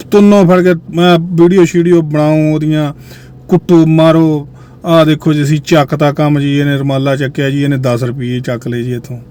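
Guy hosting, kinda high voice, thinks out loud, goes quiet and low a lot. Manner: musing, often drops to a low quiet voice, tags "hana". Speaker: host. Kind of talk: reflective commentary to viewers.

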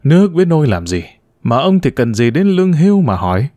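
A man's voice: fairly high pitch, very animated, fairly quick, mellow, no echo. A man reading a story, voicing a blunt, abusive older grandmother who scolds in a raised voice. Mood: scornful. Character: sharp-tongued older village grandmother, scolding.

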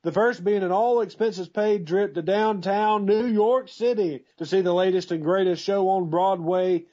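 A man playing a showy, upbeat radio quiz co-host in a booming prize announcer manner. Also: normal speed, warm tone, lightly acted. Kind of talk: scripted radio game-show patter. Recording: dull lo-fi prank call audio.

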